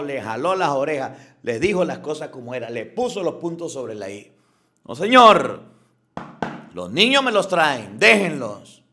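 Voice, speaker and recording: Fiery scolding priest. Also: male voice, on the high side. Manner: fiery, scolding, with sudden loud outbursts. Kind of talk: scolding homily.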